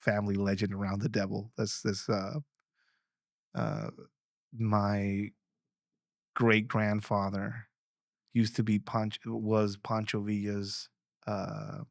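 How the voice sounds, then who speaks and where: A man's voice: on the low side, level tone, takes it slowly, gravelly, long pauses, no echo, clean studio sound. A man hosting a podcast in a casual, rambling way, restarting often and swearing freely. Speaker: podcast host. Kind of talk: casual conversation.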